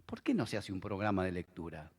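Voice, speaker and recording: A man's voice: low-pitched, very animated, fast talker, darkish tone, husky. A middle-aged man with an Argentine accent, preaching a sermon in a conversational style with asides to the audience. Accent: Argentine Spanish. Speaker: pastor. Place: large convention hall. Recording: long reverb of a big hall.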